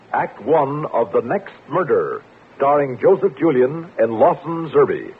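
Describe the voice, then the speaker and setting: Old-time radio announcer, tinny vintage recording, man. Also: mid-range voice.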